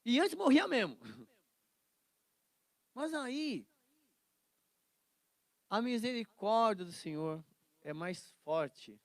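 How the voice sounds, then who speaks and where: A man teaching an informal Bible class, animated and joking, acting out quotes. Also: extremely high pitch, drawn-out words, pauses often, dry recording. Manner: animated, acts out quotes, jokes and laughs.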